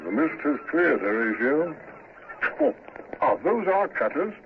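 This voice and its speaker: An actor playing a loyal, practical British navy captain, plain-spoken and deferential, in an old-time radio drama. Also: male voice, fairly high pitch, big pitch swings, a little slow. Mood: alert. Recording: tinny, noisy old radio recording.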